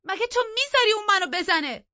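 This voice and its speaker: A woman's voice: lowish voice, animated, husky, dry recording, dull audio, exaggerated voice. A woman playing a defiant bold young woman. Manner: defiant, taunting.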